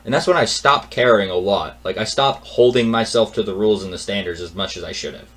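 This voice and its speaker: A young man tells a personal story as a casual rant, exasperated and repeating himself, sinking to a mutter before getting loud again. His voice is lowish and a little fast.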